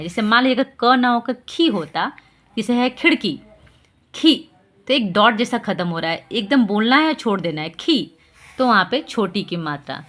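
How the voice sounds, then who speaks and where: A woman's voice: fairly high pitch, fairly bright tone. A woman teaching parents how to explain vowel signs, speaking patiently, repeating examples and checking in with rhetorical questions. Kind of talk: explanatory lesson.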